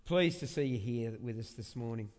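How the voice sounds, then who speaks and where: Here the pastor's big voice is mid-range and a little mellow, with lively intonation. His sermon is conversational, marked by halting, emphatic repetition and rhetorical questions. Sound reverberates around the large church hall.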